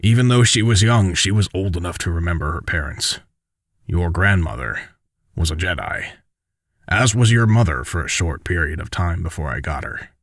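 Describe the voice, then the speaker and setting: A man voicing an older, guarded mentor in a fan audiobook, speaking in a slow, measured, solemn way. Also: low-pitched, expressive, no room sound, studio quality.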